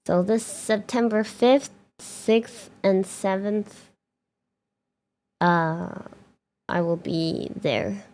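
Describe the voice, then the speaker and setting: A young woman streamer chats casually with her viewers, rambling, using fillers and restarts, and breaking into bubbly excitement. Her voice is mid-range, and she talks extremely slowly, pausing often.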